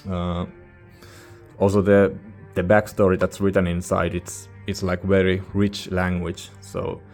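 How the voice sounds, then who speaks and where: With music faintly audible behind him, a channel host reviews music in a low voice of very level intonation. His English, not his native language, comes out informal and halting as he rambles and gropes for words.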